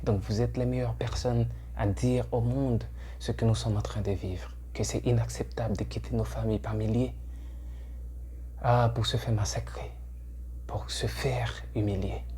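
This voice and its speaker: With slight background noise, a Haitian man whose native tongue is Haitian Creole hosts his channel, reading an earnest, urging monologue to camera with frequent hesitations. His voice is mid-range, steady and warm, at a normal speed.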